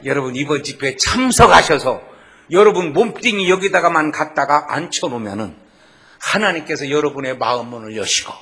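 A middle-aged man preaching a revival sermon in a strong Jeolla accent, folksy and joking, rising to loud exclamations. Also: medium pitch. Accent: Jeolla Korean. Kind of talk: sermon with jokes.

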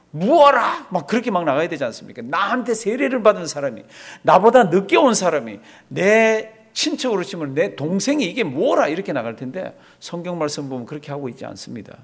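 A male pastor preaching a sermon, asking the congregation rhetorical questions and acting out short prayers. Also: a little high.

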